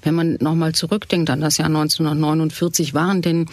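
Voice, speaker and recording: A man's voice: on the high side, level tone, fast talker, no room sound. A man moderating a panel discussion, asking pointed questions and adding context. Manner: prompting, asks pointed questions.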